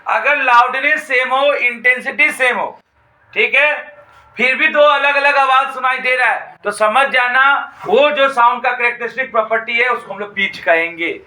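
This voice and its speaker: High-voiced bright male teacher. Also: roomy sound, distant mic, low-quality recording. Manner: dictates slowly, repeats phrases, asks students questions. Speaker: physics teacher. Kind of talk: classroom lecture. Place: classroom.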